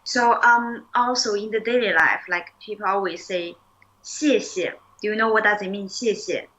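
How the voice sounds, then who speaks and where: A young woman teaching a relaxed one-on-one language lesson. She talks patiently, fills her explanations with "like" and "um", and says new words slowly to model them. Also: mid-range voice, poor audio. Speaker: Chinese teacher.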